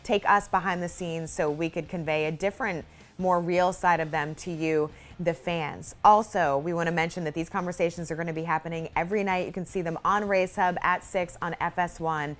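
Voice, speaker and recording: A woman in her thirties hosting a sports TV show, upbeat and quick, interviewing a guest and signing off. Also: fairly low pitch, fairly even intonation. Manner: upbeat, quick, laughs easily. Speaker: sports TV host.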